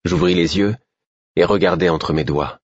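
Low, husky male narrator. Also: normal speed, dry recording, lo-fi sound. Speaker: audiobook narrator. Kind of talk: first-person novel narration.

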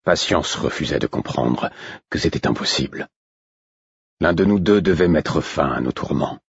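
A man reading a first-person novel aloud as an audiobook narrator, in a measured, expressive way. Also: rumbling low, vocal fry, breathy edge, no echo, dull audio.

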